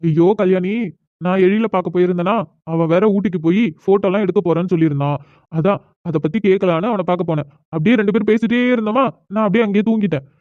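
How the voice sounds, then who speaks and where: A man voicing a proud, quick-tempered young man in a cartoon drama, arguing bluntly. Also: high voice, no room sound, natural voice. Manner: argues fast and bluntly. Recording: tinny phone-like sound.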